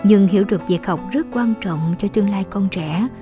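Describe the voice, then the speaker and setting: A woman reading a sad story aloud, slow and sorrowful. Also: medium pitch, music in the background. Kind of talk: scripted narration.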